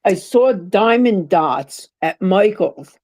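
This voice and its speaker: A guest in a casual live-stream chat who talks slowly and searches for words. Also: medium pitch, animated, darkish tone, no echo. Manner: slow, thoughtful, searching for words.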